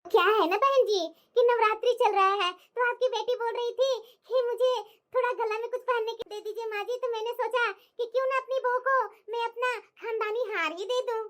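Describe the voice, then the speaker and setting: A woman's voice: very high-pitched, fairly even intonation, a little fast, few pauses, a bit bright. Woman voicing a bragging cartoon mother-in-law. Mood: fake sweet. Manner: bragging, taunting, sweetly fake on the phone. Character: boastful scheming middle-aged mother-in-law, show-off. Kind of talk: cartoon voice acting.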